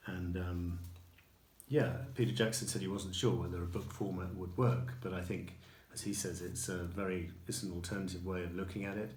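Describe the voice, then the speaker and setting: A man with a low voice talks through his purchases in a casual review, unhurried and full of ums and small restarts. The recording sounds roomy and echoey, with a faint hiss underneath. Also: steady tone, darkish tone. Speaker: record collector showing purchases. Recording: echoey room with faint noise.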